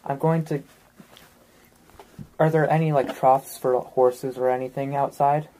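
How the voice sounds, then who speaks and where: A woman's voice: a bass voice, fairly even intonation, unhurried, dark tone, slight background noise, low-quality recording. A woman playing in a tabletop game, talking hesitantly with many ums and restarts. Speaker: player. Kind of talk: casual tabletop play.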